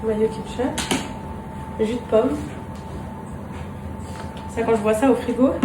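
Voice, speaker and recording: In her kitchen at home, a mother who vlogs chats easygoingly with her viewers, calling them girls as if they were friends. Her slightly high voice sits far from the mic in an echoey, noisy room.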